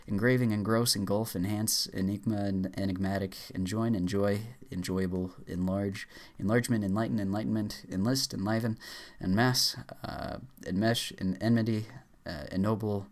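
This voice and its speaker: A man with a lowish voice races through a spoken word list, one entry after another. He trips over words now and then, breaks off mid-word and restarts, filling gaps with quick uh sounds. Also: fairly even intonation. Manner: rushed, stumbling with frequent uh fillers and restarts. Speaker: YouTuber. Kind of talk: rapid-fire reading aloud of a word list.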